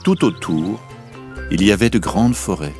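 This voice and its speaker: A man narrating a children's story, slow and melodic. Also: on the low side, vocal fry, darkish tone, soft background music.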